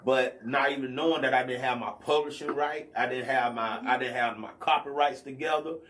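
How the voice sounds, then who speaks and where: A man's voice: medium pitch, steady tone, fairly quick, a bit bright, slight background noise. Rambling man in his forties. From Athens, Georgia, US. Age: 40s. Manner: rambling, peppers talk with "you know what I'm saying". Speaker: guest R&B artist. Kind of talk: casual podcast conversation.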